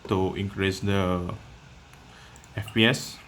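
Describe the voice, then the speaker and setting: A man giving casual gameplay commentary from home, talking in a halting way with loose phrasing and many pauses. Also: low-pitched, steady tone, a bit bright. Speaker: gameplay video maker. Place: at home with a cat nearby. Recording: noisy background hiss.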